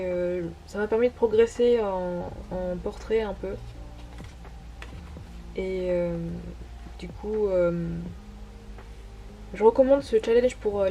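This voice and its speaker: In a mellow, mid-range voice, a young woman artist vlogger casually narrates a walkthrough of her sketchbook pages. She sounds hesitant, uses lots of fillers, and laughs at herself.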